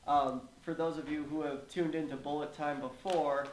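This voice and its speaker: A man's voice: fairly high pitch, steady tone, moderate pace. A man narrating part of a tabletop game and chatting as a player, with filler words and jokey asides. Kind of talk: casual tabletop chat. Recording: echoey room with faint noise.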